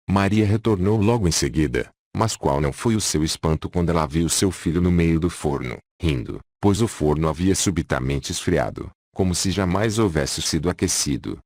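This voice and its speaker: A man narrating an audiobook in a measured, solemn reading style. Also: very deep voice, a little mellow, no room sound, studio quality. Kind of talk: scripted narration.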